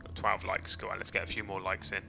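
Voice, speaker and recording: Gravelly man streaming a game. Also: sits low, completely flat delivery, fast talker, over music. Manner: chatty, rambling, mild swearing, talks to chat. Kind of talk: casual gameplay commentary.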